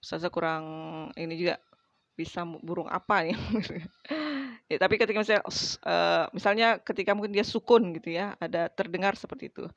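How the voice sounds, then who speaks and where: A woman's voice: lowish voice, a little fast, no room sound. A woman teaching Quran pronunciation in a casual lesson, demonstrating letter sounds between many fillers.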